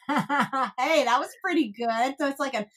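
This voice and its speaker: A woman's voice: sits high, unhurried, fairly bright tone. A woman from the United States hosting a business podcast, chatty and upbeat, with frequent laughter. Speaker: podcast host. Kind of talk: casual podcast chat.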